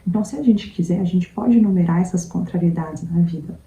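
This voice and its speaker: A woman with a low, very dark and mellow voice gives a conversational motivational talk. She keeps checking in with the listener as she speaks, and the sound carries the ring of an echoey room. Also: quick pace, a little hiss or hum. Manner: conversational, repeats "entende?" to the listener. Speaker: self-help video host.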